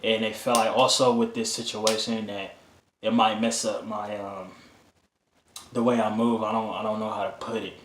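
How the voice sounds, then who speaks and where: A man's voice: on the low side, level tone, normal speed, a little hiss or hum. A man telling a personal story to his own camera, emotional and candid, repeating himself and using casual slang. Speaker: vlogger. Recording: roomy echo.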